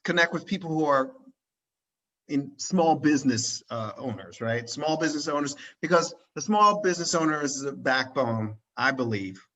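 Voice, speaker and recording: A man hosts a relaxed conversational interview, his voice bright and clear. He circles his points, restarts sentences and keeps tagging them with "right?". It sounds like a video call. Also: medium pitch, moderate pace, rough recording. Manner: rambling, many restarts and tag questions. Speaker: interviewer and channel host. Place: at home in Switzerland, recorded over a video call.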